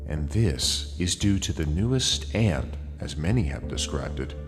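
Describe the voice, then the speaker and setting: A man narrating a script in a disguised, artificially deepened voice, reading facts and lists in a steady, deliberate way. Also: gravelly, big-room sound.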